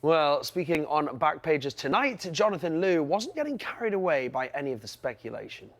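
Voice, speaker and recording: A man's voice: a little high, big pitch swings, normal speed. A man presenting sports news on a breakfast show, jokey and rambling in the banter between items. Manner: jokey, rambling, trails off mid-sentence.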